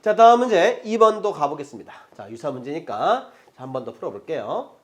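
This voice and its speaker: A middle-aged man teaching a math class, explaining step by step and checking in with quick rhetorical questions. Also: fairly high pitch, sing-song.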